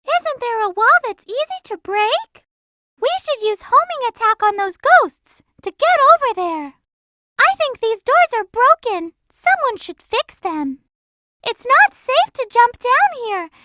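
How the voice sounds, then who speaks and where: Cream the Rabbit: very high, polite. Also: female voice, big pitch swings, a little slow, sharp tone, dry recording, heavily acted. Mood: earnest. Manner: polite, well-mannered, earnest helper. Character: polite little girl rabbit, gentle and earnest. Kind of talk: video game voice lines.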